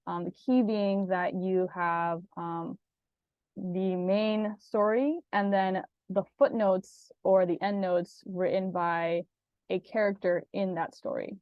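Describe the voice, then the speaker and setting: Woman workshop presenter, video call, slightly dull dry sound, relaxed and filler-heavy. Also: medium pitch, smooth, no room sound. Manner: relaxed, many ums, laughs easily. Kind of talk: casual workshop talk.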